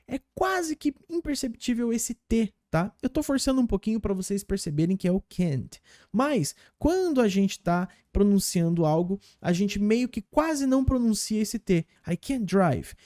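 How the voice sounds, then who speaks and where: A Brazilian man teaching English in Portuguese, repeating example phrases slowly and patiently. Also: sits high, mellow, no room sound, studio quality. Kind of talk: language lesson explaining game clips.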